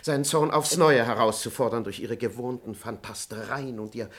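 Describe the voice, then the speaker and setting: An actor playing a disapproving male servant in a radio play, speaking in a measured, reproachful way. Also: mid-range voice, fairly bright tone, natural voice. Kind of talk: broadcast radio play acting.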